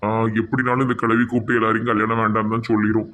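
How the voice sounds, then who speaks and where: Cartoon plotter, put on by a man, Tirunelveli accent; smug, low muttering to himself. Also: level tone, very fast, over a noisy crowd, natural voice. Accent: Tirunelveli Tamil.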